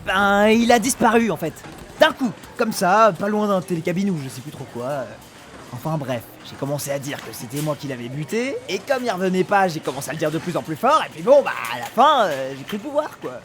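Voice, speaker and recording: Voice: mid-range voice, very animated, brisk, natural voice. A theatrical villain boss from a comic audio drama, played by an actor, boastful and petty in cruelty. The voice swoops widely from chatty asides to gloating, with faint music behind. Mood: confiding.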